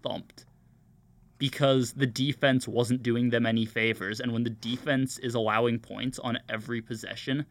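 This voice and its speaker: A young man on a sports podcast, calmly analyzing a college football team. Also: mid-range voice, no echo. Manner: measured, analytical. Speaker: podcast co-host, sports reporter.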